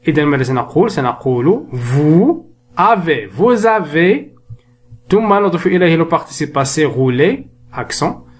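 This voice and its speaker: A man teaching a bilingual grammar lesson. He says example words slowly and repeats them, then explains briskly. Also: a little high, slight background noise. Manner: switches between slow, drawn-out spoken French and brisk explanations; repeats words and conjugation lists slowly for dictation. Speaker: French teacher.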